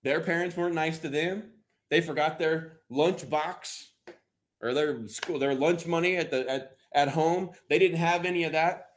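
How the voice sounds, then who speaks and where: Delivering a sermon, this American preacher booms with motivational energy, speaking emphatically and conversationally and pausing for dramatic effect.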